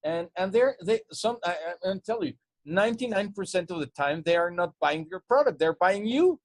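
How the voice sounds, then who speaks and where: This Mexican sales coach speaks English with a Spanish tinge in a high, lively voice at normal speed, with no echo. Chatting casually, he keeps restarting and repeating words, stumbling as he goes.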